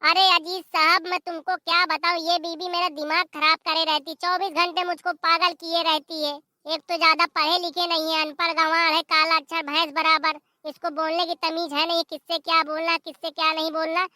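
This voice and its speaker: A shrill, exasperated village husband in a cartoon comedy, forever scolding and griping, voiced by a performer. The tone is very high and bright. It sounds close and dry, with no room around it. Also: flat delivery, moderate pace, no echo, heavily acted. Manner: shouting, complaining, scolding. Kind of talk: animated comedy voice acting.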